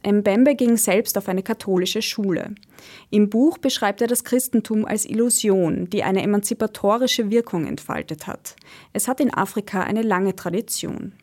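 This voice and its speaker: A woman narrates a documentary from a script. Her tone is mellow and warm, and she keeps her delivery even and measured. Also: mid-range voice.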